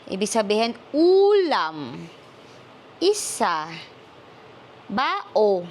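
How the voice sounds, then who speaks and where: Slow, patient Filipino mother teaching reading. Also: medium pitch, huge pitch swings. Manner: patient, mixes English into Filipino, prompting questions. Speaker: mother teaching her child to read. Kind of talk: home reading lesson. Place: home. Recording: faint background noise.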